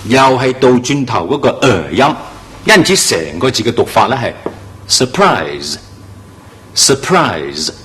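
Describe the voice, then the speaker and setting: Man, english pronunciation teacher, animated pitch, emphatic, slow drawn-out model words. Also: slight background noise. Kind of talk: classroom-style pronunciation lesson.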